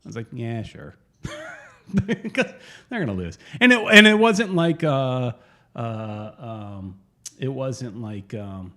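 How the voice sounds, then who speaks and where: A man's voice: medium pitch, slow pace. A middle-aged man co-hosting a casual soccer fan podcast, joking and telling stories. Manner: joking, animated storyteller. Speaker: co-host.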